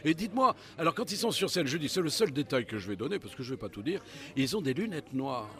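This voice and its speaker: A man's voice: on the high side, sing-song, quick pace, a bit bright. A man hosting a casual interview, playful and talkative. He fills gaps with "euh" and cracks puns as he goes, in an easygoing, friendly-sounding way. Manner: jokey, chatty, full of fillers and puns.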